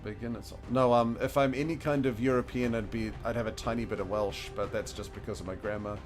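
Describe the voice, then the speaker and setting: A fast-talking man with a New Zealand accent streams himself gaming, chatting casually and thinking out loud with frequent chuckles. His mid-range voice keeps a steady tone, and he's heard over music.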